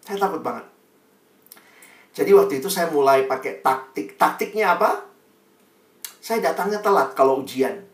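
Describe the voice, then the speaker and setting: A man giving a sermon testimony, telling his story in a lively way and acting out the lines of his friends. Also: fairly high pitch, normal speed. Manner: storytelling, acts out quoted friends. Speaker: pastor. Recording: echoey room, distant mic.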